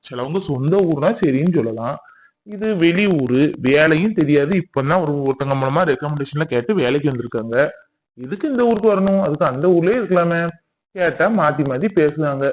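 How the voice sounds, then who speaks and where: A man's voice: on the high side, natural voice, low-quality recording. A man playing a neighbour husband who gossips suspiciously about the newcomers. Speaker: actor.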